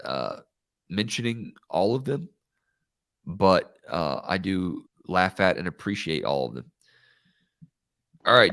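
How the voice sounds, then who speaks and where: A man with a congested, nasal baritone that sounds like his nose is pinched, hosting live college football talk in a conversational, think-aloud way. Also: fairly bright tone, slight background noise. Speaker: host of a live college football recruiting show. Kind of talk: live sports talk and commentary.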